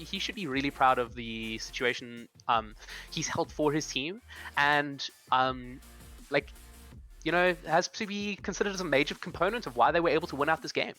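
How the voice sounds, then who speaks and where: A man's voice: on the high side, sharp tone. A man talking through the match as an esports analyst, thoughtful and rambling with lots of fillers. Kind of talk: esports analysis desk chat.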